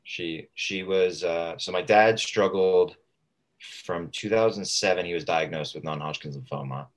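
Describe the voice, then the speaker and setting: A man from Southern California chatting casually as an interview guest, in informal, rambling, halting phrases. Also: sits low. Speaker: radio show guest, fitness coach.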